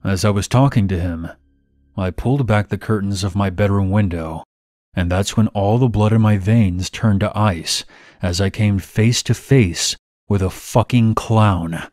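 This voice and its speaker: Low-voiced man narrating a horror story. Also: measured pace, no echo, clean studio sound. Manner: steady first-person storytelling. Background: faint music.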